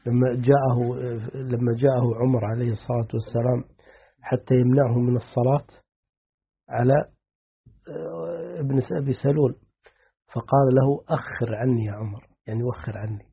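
A man, a sheikh, calmly explaining hadith to a class and checking that they follow. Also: medium pitch, moderate pace, long pauses. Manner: calm, explanatory, asks the class "clear?". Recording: tinny lo-fi lesson recording.

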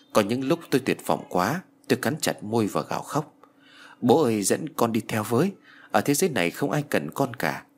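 Husky low-voiced man narrating a ghost story. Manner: dramatic, lively storytelling.

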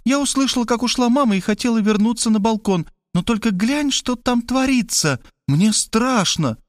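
A man's voice: very high-pitched, animated, normal speed, no echo, clean studio sound, voice pushed up. A man voicing a frightened, jumpy young woman in an audiobook. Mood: scared. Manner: jumpy, breathless, scared.

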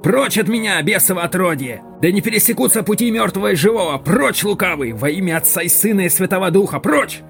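A man voicing a stern, defiant old holy sage who shouts commanding cries, as if driving off demons. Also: high voice, lively intonation, fairly quick, gravelly, few pauses, soft background music, voice pushed up, exaggerated voice. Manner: loud, commanding exorcist's cries.

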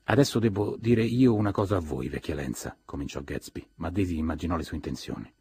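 A man's voice: low voice, lively intonation, fast, mellow, husky. A man reading a novel aloud as an audiobook, acting out the characters' lines with a raised voice. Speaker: audiobook narrator.

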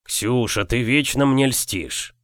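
A man reading an audiobook, voicing an aging official husband in his fifties, slow, fond and paternal. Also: mid-range voice, fairly bright tone, no echo, studio quality. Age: 50s.

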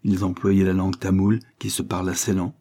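A man reading an adventure novel aloud as narrator in a measured, dramatic way. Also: low-pitched, little pitch movement, dark tone. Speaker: audiobook narrator.

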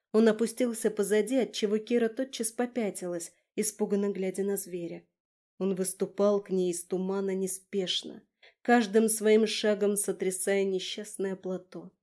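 A woman narrating a fantasy audiobook, steady and even in delivery. Her voice is warm and mellow, pitched in a middle range. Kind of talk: scripted narration.

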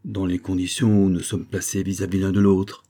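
A man's voice: low voice, little pitch movement, moderate pace, warm tone. A man voicing a cold, rival army commander in an audiobook, curt and formal.

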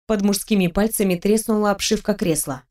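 A woman narrating a first-person audiobook, lively and animated when speaking the heroine's lines. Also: medium pitch, brisk.

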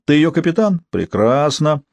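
Brief: man reading as a menacing gendarme colonel, pitched up, dry and close. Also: big pitch swings, moderate pace, gravelly, a little mellow, no echo. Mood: threatening. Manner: threatening, commanding. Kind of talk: audiobook character voice.

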